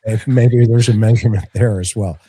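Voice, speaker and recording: A man's voice: fairly low pitch, steady tone, fairly quick, warm tone, slightly rough. A man hosting a live call-in show, giving casual, opinionated commentary in a blunt, folksy way with rhetorical asides. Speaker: talk show host and investigator.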